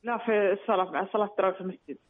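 A woman's voice: mid-range voice, racing. A middle-aged woman calling in to a radio show, who explains her question hesitantly and restarts her sentences often. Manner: hesitant, restarting, recounting at length. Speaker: caller. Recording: tinny phone line.

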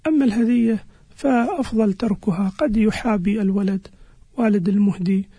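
Mellow, husky male religious scholar. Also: high-pitched, fairly quick, no room sound. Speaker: Islamic scholar answering listeners' questions. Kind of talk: religious explanation on a radio program.

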